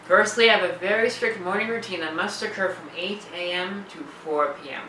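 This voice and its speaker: A man's voice: high-pitched, a little fast, pushed and bright, far from the mic, slight background noise. An actor playing a sarcastic young man who teases with dry, mocking wit. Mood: teasing. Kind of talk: comedy web series acting. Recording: roomy echo, heard from off the mic.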